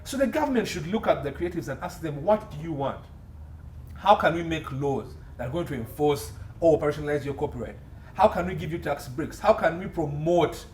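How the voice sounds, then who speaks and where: A Ugandan-accented interview guest who consults on entertainment law talks a little fast, with a fairly high, darkish voice and lively intonation. He's emphatic, repeating phrases for effect, and the distant mic catches faint background noise.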